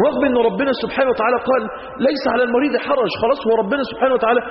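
A man's voice: very high-pitched, steady tone, rapid-fire. A man preaching a sermon with an Egyptian Arabic accent, emphatic, repeating phrases and asking rhetorical questions. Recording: echoey hall, dull lo-fi sound.

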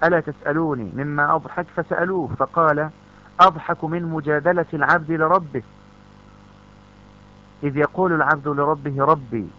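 Man preaching, fairly high voice, dull muffled recording, fervent, rhetorical questions. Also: fairly even intonation, fairly quick, long pauses. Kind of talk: sermon.

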